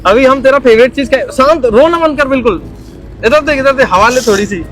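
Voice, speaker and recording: A man's voice: very high-pitched, fairly quick, a bit bright. A man hosting a casual prank vlog, repeating himself in a soothing, urgent way and talking to his viewers.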